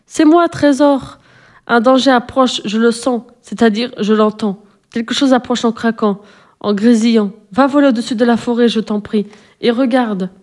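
A woman's voice: on the high side, moderate pace, darkish tone, natural voice. A woman voicing a young male rabbit with three ears, urgent and pleading.

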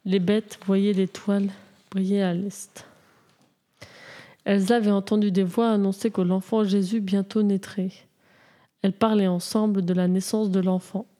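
A woman reading a Christmas storybook aloud in a measured, gentle way. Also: medium pitch, little pitch movement.

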